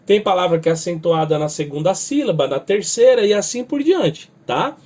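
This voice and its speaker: Teaching music theory with a Brazilian Portuguese accent, this man has a high-pitched, expressive voice with a darkish tone. He checks in with "tá?" and "né?" after almost every phrase while explaining step by step, and sings or slowly spells lyrics to demonstrate stress.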